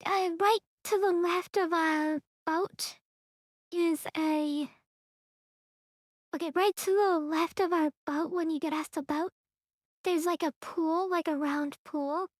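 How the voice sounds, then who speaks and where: A woman's voice: extremely high pitch, steady tone, slow, no echo, studio quality. A young woman streaming a game with a friend, chatting in a giggly, bubbly way. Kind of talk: casual gaming chat.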